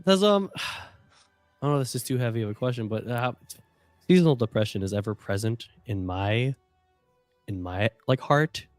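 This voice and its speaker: A man's voice: mid-range voice, lively intonation, moderate pace, long pauses, no echo, soft background music. A man hosting a tabletop game show, chatting casually and rambling with lots of fillers and restarts. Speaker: host.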